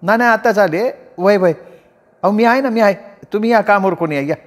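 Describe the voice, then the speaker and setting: A man voicing a warm, hospitable young farmer's wife who talks in rustic village speech. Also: medium pitch, brisk, big-room sound, pitched above the performer's own voice, natural voice. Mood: eager.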